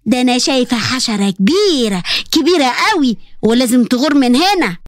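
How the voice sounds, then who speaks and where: A woman voicing a cheeky, sharp-tongued young woman in an animated story, with an Egyptian accent and a mocking, insulting manner. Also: high-pitched, fairly quick, no echo, studio quality, voice pushed down.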